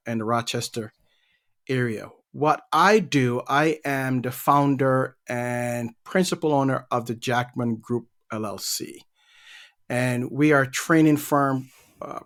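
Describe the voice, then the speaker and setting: A man's voice: medium pitch, fairly bright tone. A middle-aged man from Barbados, a leadership trainer answering interview questions in an easygoing way and often repeating words while he thinks.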